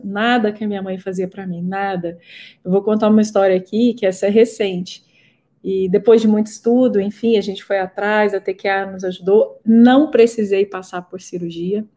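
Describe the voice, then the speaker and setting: Woman instructor, testimonial storyteller, repeats for emphasis, mellow and warm. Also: medium pitch. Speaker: therapy co-creator and instructor. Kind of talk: personal testimony in a talk.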